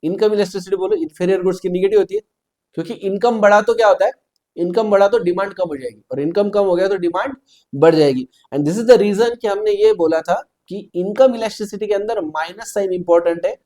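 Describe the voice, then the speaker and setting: A man's voice: high voice, a little mellow. A man teaching an exam-prep lecture, mixing Hindi and English, explaining step by step and checking in with students often. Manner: mixes Hindi with English terms, reads questions slowly.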